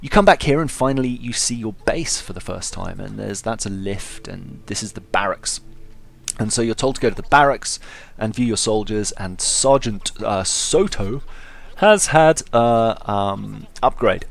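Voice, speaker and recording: Casting: male let's-play commentator, slightly low pitch, hungover, loose and informal, trips over words. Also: animated, unhurried, gravelly. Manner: stumbling over words, self-correcting. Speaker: video game commentator.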